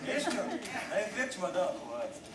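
Good-natured, plain-spoken village farmhand for stage comedy, played by a man: high-pitched, far from the mic in an echoey theatre. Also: very animated, fairly quick, over a noisy crowd, heavy background noise. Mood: blunt. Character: simple, blunt village tractor driver, good-natured. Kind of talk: comic stage acting. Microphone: far camera in the audience.

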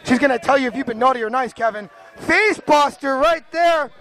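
A man's voice: very high-pitched, a little fast, a bit bright. A man calling a wrestling match play-by-play, joking and bantering with his co-commentator.

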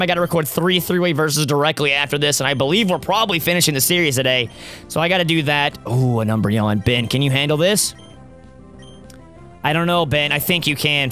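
A young gaming YouTuber with a worn, raspy, slightly high voice commentates on his own gameplay in a Let's Play, loudly cheering on his team. He sits close to a visible studio mic at his indoor home gaming setup, with faint game music behind him.

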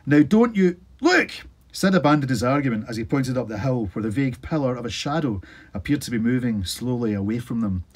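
A man, an author, reading his own story aloud in an expressive, animated way. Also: mid-range voice, fast, husky.

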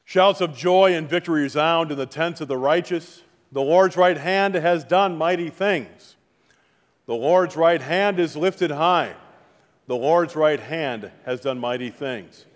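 A middle-aged man speaking as a pastor at a funeral, reading liturgy and prayers in a solemn, measured, formal way. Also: on the high side. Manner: solemn, measured, formal delivery with falling phrase endings. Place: large church sanctuary, indoors before a congregation. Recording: reverberant church hall.

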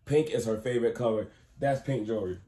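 Teasing slangy man, mellow voice. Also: mid-range voice, fast. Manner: playful, insistent, slangy, teasing. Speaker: prankster boyfriend, channel host. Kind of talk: casual prank vlog banter. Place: home, indoors.

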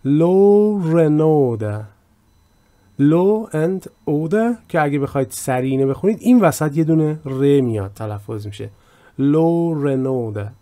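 A man teaching an English vocabulary lesson, reading example sentences out slowly and explaining them. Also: on the high side, expressive, warm tone. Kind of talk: language lesson.

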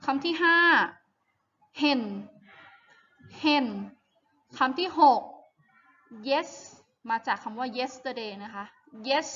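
A woman's voice: high-pitched, bright, forceful tone, highs cut off. A woman teacher with a Thai accent giving an online phonics lesson, reading each English word twice and explaining in Thai. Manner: reads each word twice slowly for pupils to repeat. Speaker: primary school English teacher.

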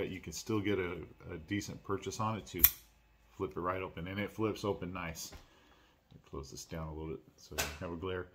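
A man hosting his own channel, unboxing and reviewing a pocket knife in a relaxed, chatty way with lots of "uh"s and restarts. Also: low-pitched. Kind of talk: casual unboxing and product review. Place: at home.

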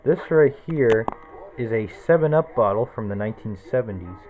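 A man's voice: medium pitch, lively intonation, moderate pace, narrow, tinny audio, soft background music. A man in his twenties giving a casual, rambling tour of his small cluttered bedroom, naming objects one after another into a handheld camera. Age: 20s. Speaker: vlogger. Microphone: handheld camera close to the face.

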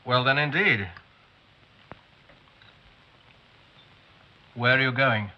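An actor playing a prim, dry, exasperated business adviser in a television drama, formal and sardonic, with an upper-middle-class English accent. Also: male voice, mid-range voice, fairly quick, natural voice. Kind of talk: 1960s television drama acting. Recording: dull old TV soundtrack.

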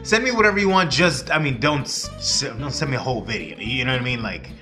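A man's voice: medium pitch, animated, fast talker, bright, forceful tone, soft background music. A man vlogging casually, rambling loosely, breaking off and laughing at himself.

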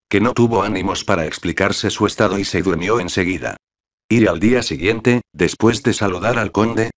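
A man narrating a classic novel as an audiobook, reading in a measured, steady way. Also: low voice. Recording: dull lo-fi recording.

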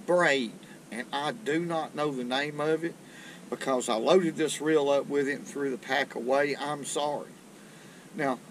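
A man's voice: fairly high pitch, slight background noise, rough recording. An older man with a drawl, hosting a fishing show and explaining tackle in a rambling, folksy way from a small boat on a river. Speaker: fishing channel host. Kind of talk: casual fishing how-to talk. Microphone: action camera on the boat.

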